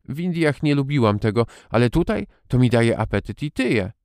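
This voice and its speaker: A man's voice: medium pitch, sing-song, fairly quick, a little mellow, clean tone, dry recording, clean studio sound, pitched above the performer's own voice. A man voicing a shy young girl who stammers and pleads hesitantly, read as an audiobook character. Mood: timid pleading.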